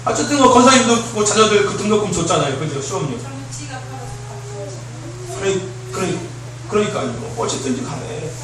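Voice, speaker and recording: A man's voice: sits high, normal speed, long pauses, noisy background. A man preaching a sermon in a church, emphatic and often asking the congregation questions. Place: church sanctuary. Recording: very echoey hall, distant mic.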